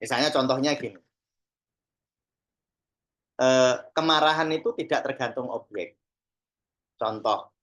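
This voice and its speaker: A man's voice: mid-range voice, fairly bright tone. A man with a Javanese accent giving an informal teaching talk to a class, speaking in a conversational way and acting out little example dialogues. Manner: conversational, mixes in Javanese phrases, acts out examples. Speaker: Sufi teacher and therapist trainer.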